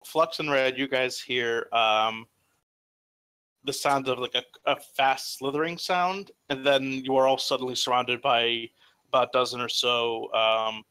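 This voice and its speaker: Bright-voiced man running a tabletop game. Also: mid-range voice, steady tone, clear, resonant tone. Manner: halting, informal, profane. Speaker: game master. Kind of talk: improvised tabletop game narration.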